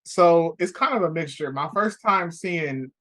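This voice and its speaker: Animated man telling a story. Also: on the high side, a little slow. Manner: animated storyteller, laughing, acting out quotes. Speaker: podcast co-host. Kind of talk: casual chat.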